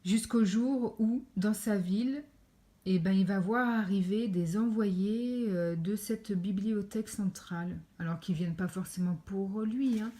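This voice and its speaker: A woman's voice: medium pitch, a little slow, dark tone. A woman reviewing books in a casual vlog, chatty and full of fillers as she shows pages to the camera. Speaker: book reviewer.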